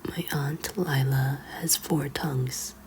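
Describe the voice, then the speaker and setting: A woman reads a children's book aloud as ASMR in a hushed, librarian-like whisper. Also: very deep voice, steady tone, slow, a little hiss or hum, rough recording. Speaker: ASMR reader.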